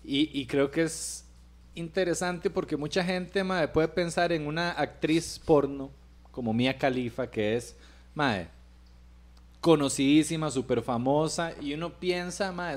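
A man's voice: fairly high pitch, measured pace. Slangy Costa Rican man bantering. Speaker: podcast co-host. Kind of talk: casual chat.

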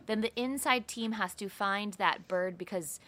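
A woman in her thirties co-hosting a podcast, retelling a reality show episode as a lively storyteller who laughs often. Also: medium pitch, moderate pace. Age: 30s. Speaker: podcast co-host. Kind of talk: casual TV recap chat.

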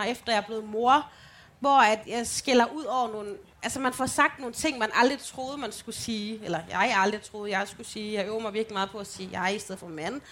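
A woman co-hosting a live podcast who tells lively stories, acting out scenes in a raised voice. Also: fairly high pitch, a little hiss or hum. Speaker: podcast co-host. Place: live podcast event before an audience.

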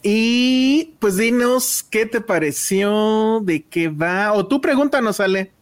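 Male podcast host, high voice, teasing, reads comments with a laugh. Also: slow. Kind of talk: casual podcast chat.

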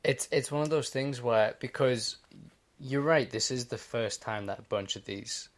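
A man's voice: mid-range voice, a little slow. A man co-hosting a podcast in casual chat, explaining his views at length with many "you know"s. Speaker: podcast co-host.

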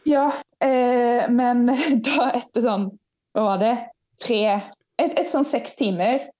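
Young woman, animated storyteller, dull call audio. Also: on the high side. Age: young adult. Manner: animated, acts out her own past remarks. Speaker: guest ultrarunner. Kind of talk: casual interview storytelling. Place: student room. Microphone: video call.

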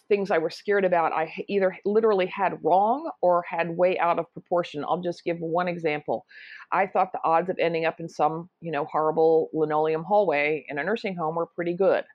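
A woman's voice: fairly low pitch, dry recording. A woman in her sixties, an author answering interview questions in an earnest, plain-spoken way. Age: 60s. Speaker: author and guest. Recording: dull, lo-fi, dry sound.

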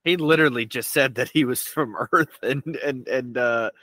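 A man's voice: mid-range voice, moderate pace, sharp tone, no echo. A young man playing a tabletop game, quizzical and often laughing. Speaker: player. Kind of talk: casual tabletop play.

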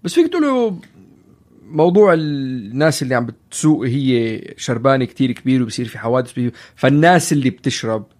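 A man's voice: mid-range voice, expressive, a little mellow. A man with a Levantine Arabic accent hosting a casual discussion, repeating and restarting phrases and mixing in English. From lives in Canada. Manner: mixes in English phrases, repetitive halting phrasing. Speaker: podcast host.

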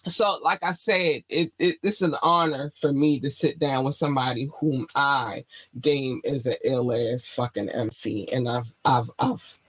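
A man's voice: medium pitch, a little slow, low-quality recording. A man hosting a casual interview, talking loosely with frequent laughs and swearing. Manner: excitable, swears freely, laughs often. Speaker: host.

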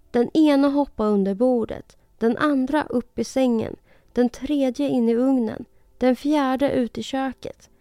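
A woman reading a fairy tale aloud in a calm, even storytelling voice. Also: a little high, dry recording, studio quality.

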